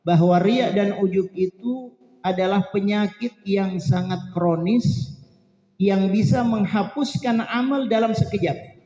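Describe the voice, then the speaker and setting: A man's voice: high voice, unhurried, mellow. Preacher man in an echoey hall. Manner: reads Arabic text, then explains it in a casual storytelling way. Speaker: Islamic preacher. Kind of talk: religious study lecture. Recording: echoey, dull lo-fi hall recording.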